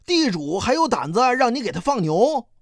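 A reader voicing a nosy, suspicious village questioner who probes with sharp questions. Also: medium pitch, very animated, normal speed, dry recording, clean studio sound, voice pushed up. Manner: prying, sharp, probing.

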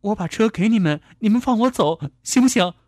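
A man's voice: very animated, a little mellow, no room sound, studio quality. Panicked young taxi driver woman, as a man puts her on. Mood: frightened, pleading. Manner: pleading, high and rushed.

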